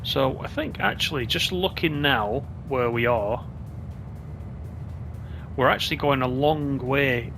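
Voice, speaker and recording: Chatting and thinking aloud while he plays, a man gives casual commentary for a gaming video. His voice sits in the middle range for a man, and game music is clearly audible behind him.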